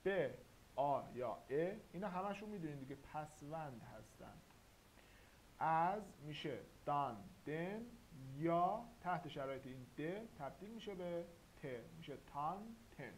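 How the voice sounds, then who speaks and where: A man teaching a grammar lesson, slow and deliberate, spelling out sounds one by one. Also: a little high, lively intonation, low-quality recording. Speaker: language teacher. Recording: faint hiss.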